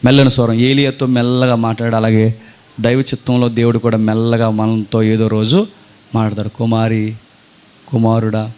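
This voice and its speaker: A man's voice: medium pitch, little pitch movement, a little mellow, clean tone. A middle-aged male preacher delivering a sermon, firing off rhetorical questions with sarcastic, mocking asides. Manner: emphatic, rapid rhetorical questions.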